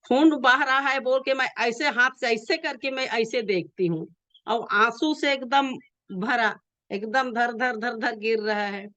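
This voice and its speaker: An older woman with a non-native Hindi accent gives a personal church testimony in an earnest, halting manner, repeating herself often as she tells her story. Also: high-pitched, a bit bright, no room sound. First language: not Hindi. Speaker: church member giving testimony.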